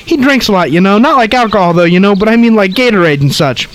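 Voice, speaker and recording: A woman's voice: medium pitch, expressive, fast talker, voice pushed up, lightly acted. A man voicing a nosy, rambling old woman who chatters and cackles, tacking "though" onto her sentences. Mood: gossipy.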